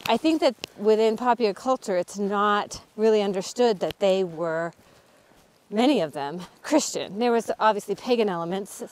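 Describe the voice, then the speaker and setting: A middle-aged woman speaks with medium pitch and a somewhat dark tone while walking outdoors on a cold hillside. An author and channel host, she explains history informally and leans on frequent ums.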